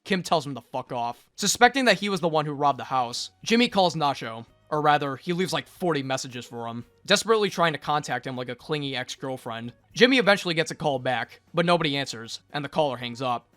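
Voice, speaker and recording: Brief: young male reviewer, quick, slightly high, sarcastic narration. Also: expressive, a bit bright, dry recording, soft background music. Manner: sarcastic, joking asides. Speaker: video reviewer. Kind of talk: fast scripted recap narration.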